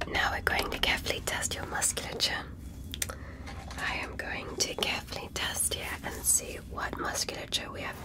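The ASMR performer here plays a courteous alien doctor with a curious streak, examining a human. Whispering breathily, she instructs gently and carefully, slowly, using formal language.

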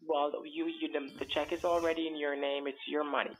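A man's voice: a little high, little pitch movement, fairly quick, a crowd in the background. A man with a Jamaican accent talking insistently and placatingly, persuading someone on a phone call. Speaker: phone scammer. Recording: dull, noisy phone line.

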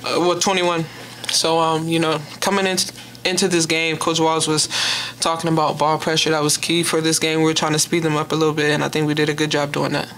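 A woman's voice: deep voice, level tone, a little fast, a bit bright, a little hiss or hum. A young woman who plays college basketball, answering postgame questions into a table mic in an easygoing way, full of "you know" and "um". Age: young adult. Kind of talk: postgame press conference answers. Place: press room in front of a sponsor backdrop. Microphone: table mic on a stand.

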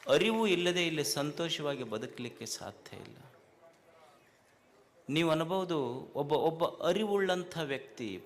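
A man's voice: on the high side, animated, a little slow, long pauses. A man with a North Karnataka Kannada accent giving a spiritual talk to a festival crowd, repeating lines and asking rhetorical questions with rising emphasis. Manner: hushes the crowd firmly and jokingly. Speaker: speaker addressing a festival gathering.

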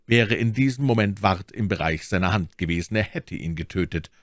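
A man reading a classic novel aloud as an audiobook, expressive in his narration. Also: low-pitched, brisk, no echo, studio quality. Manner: expressive storytelling. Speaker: audiobook reader.

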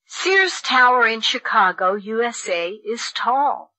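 A woman reading sentences for a school English textbook recording, enunciating slowly and precisely. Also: on the high side, expressive, sharp tone, no echo, low-quality recording. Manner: slow, precise enunciation for learners. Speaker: textbook audio reader. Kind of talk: slow, clear textbook reading.

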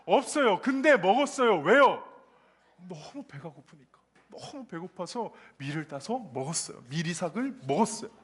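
High-voiced man preaching to children. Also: normal speed, breathy edge. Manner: lively, asks children questions, acts out quotes. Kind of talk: children's sermon. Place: church children's service.

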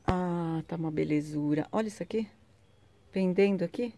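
A woman walks viewers through her sunny garden in a relaxed, chatty vlog. Her voice sits a little low and sounds mellow and warm. She keeps pointing things out as she films on a handheld phone outdoors. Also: normal speed. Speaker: vlogger, home gardener. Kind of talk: casual garden tour vlog. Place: outdoor home garden in sun.

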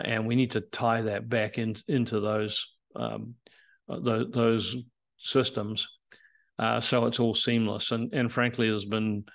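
An older man with a gravelly, lowish voice joins a casual interview chat over a remote video call as the guest, a tech company CEO. He speaks in a measured, explanatory way, with many restarts and fillers.

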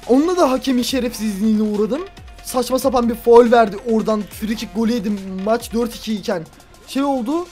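During let's play commentary on a football video game, a man rages at the referee, alternating between loud outbursts and low grumbling. Faint background music can be heard.

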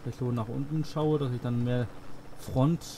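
A man's voice: medium pitch, steady tone, normal speed, warm tone, a little hiss or hum. A man giving casual gameplay commentary as a let's play host.

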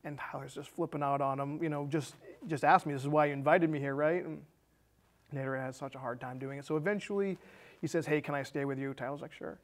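A film show co-host in his thirties, American-accented, talks fast through a casual film recap in a high-leaning, fairly even voice. Recorded on a small studio set with a curtain, he keeps restarting and repeating himself.

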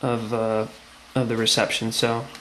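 With a lowish, unhurried voice that moves little in pitch, a tutorial presenter casually shows a hands-on process, explaining it plainly step by step. He's at a tiled tabletop indoors, recorded in an echoey room with background noise.

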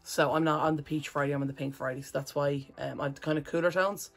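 Low husky-voiced woman, chatty. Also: steady tone, racing, faint music behind. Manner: chatty, rambling, self-correcting. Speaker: makeup vlogger. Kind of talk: casual makeup tutorial.

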